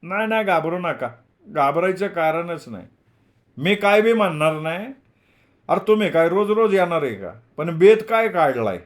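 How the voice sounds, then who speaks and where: A man reading a novel aloud, voicing an older male landlord with a raised, loud, chatty rustic manner. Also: on the high side, expressive, moderate pace, voice pushed up, natural voice. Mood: fussy, genial. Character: older male village landlord, fussy, talkative.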